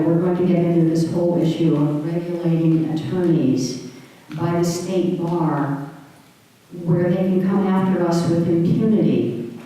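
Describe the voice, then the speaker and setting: Older female moderator, low mellow voice, far from the mic with a long hall echo. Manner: earnest, loose, rambling. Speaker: panel moderator. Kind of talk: panel introduction. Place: conference hall. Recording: echoey hall, distant mic.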